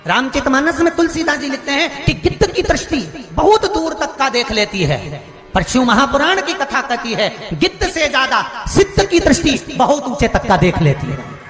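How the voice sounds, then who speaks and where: Male preacher, devotional sermon, animated and chuckling, fairly high voice, echoey hall, loud music behind. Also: normal speed. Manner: animated, chuckling storyteller addressing a crowd. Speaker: katha preacher.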